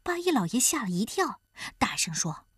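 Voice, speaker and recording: A woman narrating a children's folk tale in an expressive storytelling manner. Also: fairly high pitch, normal speed, breathy edge, no echo, clean studio sound.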